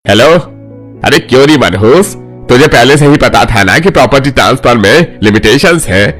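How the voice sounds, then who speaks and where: A man voicing a greedy, abusive middle-aged father in an animated family drama, harsh and threatening. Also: medium pitch, moderate pace, soft background music, lightly acted.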